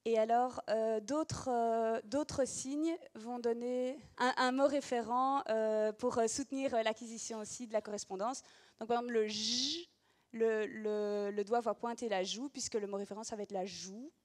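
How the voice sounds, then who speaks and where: A woman's voice: fairly high pitch, steady tone, moderate pace, a little mellow. A woman teacher giving an explanatory demonstration of reading gestures, talking patiently with frequent hesitations.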